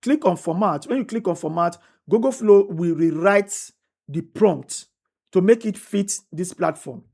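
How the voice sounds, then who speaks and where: An instructor with a low-ish, warm, expressive voice walks through a screen-recorded tutorial a little slowly. She goes step by step, restating each one and frequently checking in with "right?"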